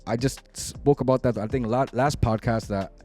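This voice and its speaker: A man's voice: mid-range voice, normal speed, darkish tone, faint music behind. A man in his late thirties hosting a podcast, chatting casually and reflectively, swearing freely. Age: 30s. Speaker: podcast host. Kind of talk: casual chat.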